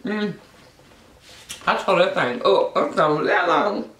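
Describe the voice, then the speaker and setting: A vlogger chatting casually and bluntly to viewers between bites of food, telling things in an animated way. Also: mid-range voice, slow, slight background noise. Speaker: mukbang vlogger. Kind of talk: casual chatty mukbang vlog while eating. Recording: echoey room.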